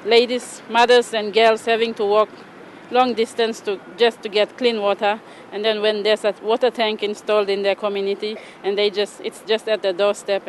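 A middle-aged woman with a Papua New Guinean accent speaks in measured, earnest phrases, pausing and restarting as she answers interview questions. She is recorded outdoors in a city by a stone wall, with faint background noise under her voice at a middle pitch. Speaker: church program coordinator.

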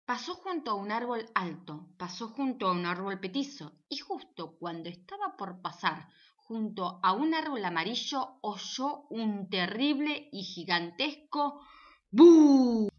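A woman narrating a children's storybook in an animated, playful way. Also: mid-range voice, a little slow, highs cut off. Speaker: audiobook narrator.

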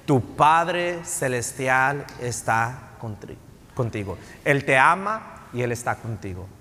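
A middle-aged pastor preaches a bilingual sermon in a church sanctuary, moving between Spanish and English and often tacking on tag questions. His mid-range voice is sharp in tone, with lively intonation and a slow pace. The recording carries the long reverb of a church hall.

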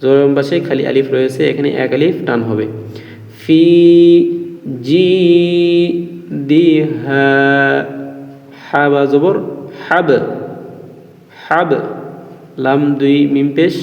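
A male Quran teacher spelling out letters and syllables in a repetitive sing-song drill, then reciting slowly with long drawn-out chanting. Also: mid-range voice, lo-fi sound, faint music behind. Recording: roomy echo with long reverb.

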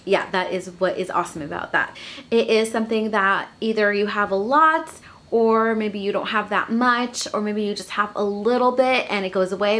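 A young woman sits at home talking to her camera, chatty and earnest, filling pauses with frequent ums. Her voice sits at an ordinary middle pitch for a woman. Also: a bit bright. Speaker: beauty vlogger. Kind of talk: casual talk to camera.

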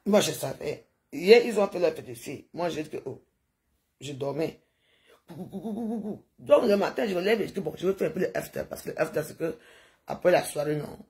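Older woman, gravelly voice, digressive casual chat, livestream talk to viewers. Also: low voice, lively intonation, brisk, a little mellow. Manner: chatty, digressive, with sound-effect noises. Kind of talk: rambling casual livestream monologue.

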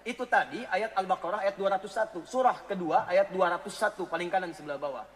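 Male preacher with a high voice, animated and joking, talking directly to the audience, sound trailing in a long reverb. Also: quick pace. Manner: joking, animated storyteller addressing listeners directly. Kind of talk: radio sermon with anecdotes.

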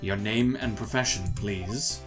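A man's voice: on the low side, a little slow, close to an everyday voice. A man voicing a stern, impatient prosecutor from a video game in a clipped, formal manner. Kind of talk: voiced read-through of a courtroom video game. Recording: prominent game music behind.

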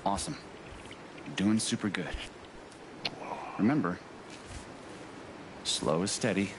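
A young man playing a calm, encouraging outdoor guide in a game. His lowish voice moves up and down a lot as he gives short instructions, over clear ambient noise. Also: slow pace. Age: young adult. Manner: reassuring, instructing in short phrases. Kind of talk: video game dramatic acting.

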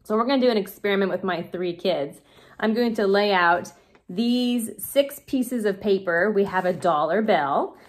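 A woman's voice: medium pitch, normal speed. A woman, a children's pastor, leading a children's church lesson with a craft, talking playfully and explaining step by step to kids.

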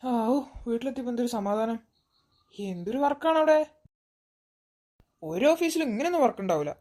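A woman's voice: a little high, animated, fairly quick, warm tone. A woman voicing a tired, jumpy woman home from work in a cartoon, muttering to herself. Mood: weary. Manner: muttering to herself, easily scared.

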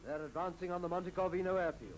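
A man reading scripted commentary for an old wartime newsreel in a brisk, wry announcer manner. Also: high-pitched. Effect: old wartime newsreel narration. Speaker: newsreel narrator. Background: music under the narration.

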